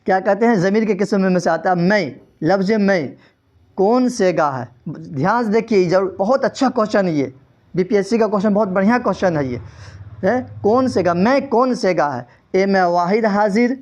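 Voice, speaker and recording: A man's voice: high voice, a little mellow, highs cut off. A man teaching an exam-prep quiz lesson. He reads out the answer options and repeats each question to his students.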